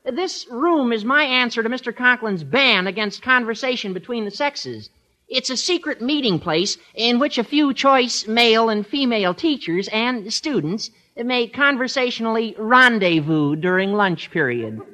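An eager, bright teenage schoolboy. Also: male voice, very high-pitched, expressive, moderate pace, exaggerated voice. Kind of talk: 1950s radio comedy acting.

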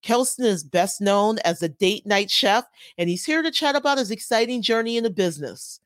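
Speaking in a mid-range, animated voice at a moderate pace, a food podcast host first delivers a polished scripted intro. She then shifts to chatting with her guest in an interview.

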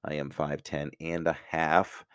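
A man's voice: rumbling low, flat delivery, unhurried, clear, resonant tone, no room sound. A middle-aged man hosting a podcast, telling a personal story in a chatty, self-mocking way and laughing at his own jokes. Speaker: podcast host. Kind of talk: casual storytelling.

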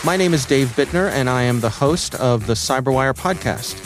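With music playing underneath, a podcast host shares a personal story in a reflective, conversational manner. He's a middle-aged American man whose mid-range voice has lively intonation and a normal speed.

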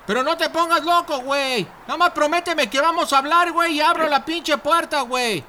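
A man's voice: extremely high pitch, fairly quick, crowd noise. A man playing a brash young Mexican lover caught with a married woman, talking back with crude slang and constant swearing in a radio sketch. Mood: defiant. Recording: radio studio with music behind.

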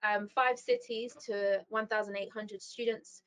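A woman's voice: mid-range voice, steady tone, measured pace, a bit bright, poor audio. A young woman guest speaking about her work in a thoughtful, casual way, with many ums and likes. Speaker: founder and CEO, guest. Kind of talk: casual interview chat.

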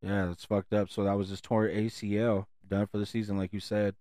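A male sports host with a smooth, fairly low voice in a dry, close sound. He chats casually in slangy frat bro style, with some swearing. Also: level tone, a little fast, mellow, dry recording. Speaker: sports talk show host.

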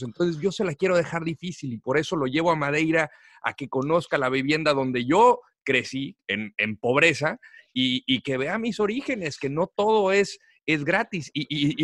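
A man, retelling a story in lively, slangy podcast chat. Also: fairly high pitch, dry recording, clean studio sound. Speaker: podcast co-host. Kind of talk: casual chat.

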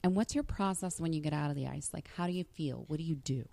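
A woman hosting a podcast, interviewing in a conversational way with measured, deliberate phrasing. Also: deep voice, gravelly, mellow. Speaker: podcast host.

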